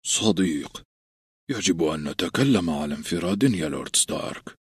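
A man reading an audiobook, voicing a secretive, soft-spoken middle-aged eunuch spymaster with a low, polite voice that can turn cutting. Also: sing-song, fairly quick, breathy edge, no echo, clean studio sound, exaggerated voice. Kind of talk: audiobook character voice.

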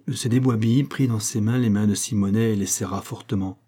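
In a lowish voice, a man narrates a classic novel as an audiobook, keeping his reading measured and even.

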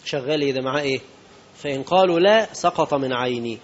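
A man's voice: mid-range voice, rapid-fire, highs cut off. A man preaching a sermon in Egyptian Arabic, speaking conversationally and asking his listeners rhetorical questions. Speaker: sheikh.

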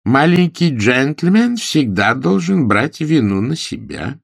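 Guy doing a bossy old governess lady, slow strict scolding, raised pitch, gravelly and husky underneath. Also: very animated, no echo, studio quality, exaggerated voice. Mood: stern. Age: older. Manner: strict, drawn-out scolding commands. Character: stern old female governess, commanding. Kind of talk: audiobook character voice.

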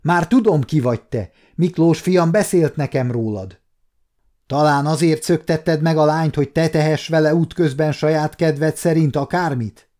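A man reading an audiobook, voicing a gruff, suspicious noble father who growls his words. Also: medium pitch, mellow, close to an everyday voice. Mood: angry.

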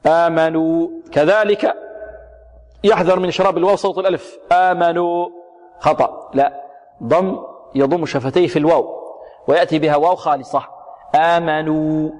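A man teaches the rules of Quran recitation in a voice a little higher than most men's. He poses questions and answers them himself, slowing right down to chant and stretch the example words. A long reverb hangs behind his voice. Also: fairly even intonation, darkish tone. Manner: asks questions and answers them himself, slow drawn-out demonstrations. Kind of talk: tajwid lesson with recited examples. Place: radio broadcast studio.

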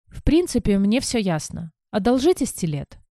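A composed garrison captain in a storybook reading, calm and matter-of-fact, as a woman reads him. The voice is low and gravelly, with a dark, mellow colour. The sound is dry and close. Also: moderate pace, dry recording. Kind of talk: audiobook character reading.

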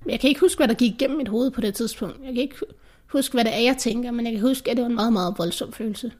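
A teenage girl speaks in a fairly high voice, earnest and hesitant. Her sentences break off and restart. Now and then she sinks into a soft whisper. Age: teens. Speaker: interviewee recounting an anxiety attack. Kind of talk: personal testimony in a radio documentary.

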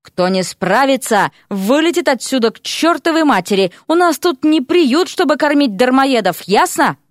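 A woman's voice: sits high, animated, normal speed, no echo, studio quality, pitched above the performer's own voice. A woman voicing a stern male academy rector who growls threats at new students. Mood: threatening.

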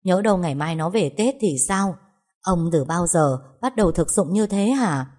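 A woman's voice: fairly low pitch, animated, normal speed, a little mellow. A woman voicing a scolding, distressed wife. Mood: upset. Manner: pleading, scolding. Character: distressed middle-aged wife pleading with her husband.

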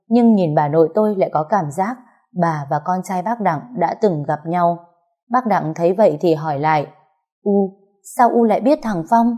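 Woman narrator, low, mellow, steady story read. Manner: steady first-person storytelling. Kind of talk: scripted ghost-story narration.

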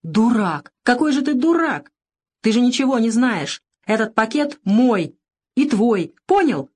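A woman's voice: medium pitch, expressive, normal speed, darkish tone, pitched above the performer's own voice, natural voice. A woman reading the part of a frightened young woman who sobs and pleads on the phone, in an audiobook. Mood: frantic. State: sobbing.

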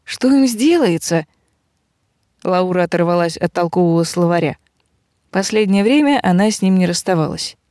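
A woman narrating a fantasy audiobook in an even, measured storytelling voice. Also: fairly low pitch, clear, resonant tone, no echo, studio quality.

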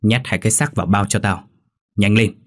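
A man's voice: lowish voice, fairly even intonation, fairly quick, close to an everyday voice. A man playing a harsh, bossy old master. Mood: barking. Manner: barking, bossy orders.

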